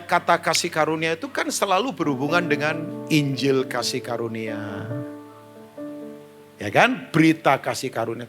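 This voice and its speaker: Animated, high-pitched male pastor preaching. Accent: Indonesian. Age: middle-aged. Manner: animated, joking, acts out dialogue, talks to the band and congregation. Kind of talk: sermon with storytelling.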